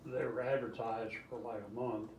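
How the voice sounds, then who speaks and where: An elderly man reminisces casually, haltingly rambling and repeating himself as he recalls things. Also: mid-range voice, level tone, crowd noise. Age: 80s or older. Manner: old man's halting, rambling recollection with repeats. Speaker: interviewee, grandfather. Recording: roomy, distant mic, faint background noise.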